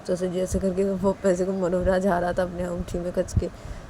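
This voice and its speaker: A woman casually narrating a romance story in a quiet, low-key voice. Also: completely flat delivery, normal speed, slight background noise.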